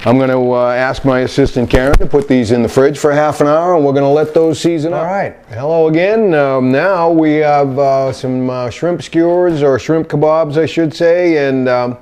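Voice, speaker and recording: A man hosting a cooking video, talking through a recipe in his kitchen in a halting, meandering way. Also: fairly high pitch, steady tone, darkish tone, smooth. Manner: halting, meandering, searches for words. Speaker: cooking show host demonstrating recipes. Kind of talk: unscripted cooking demonstration. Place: home kitchen indoors.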